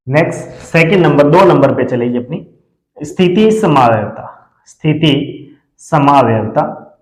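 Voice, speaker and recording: A man teaching a chemistry class, who asks questions and answers them himself and repeats key terms slowly so students can write them down. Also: on the high side, a little mellow, reverberant, poor audio. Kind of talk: classroom lecture.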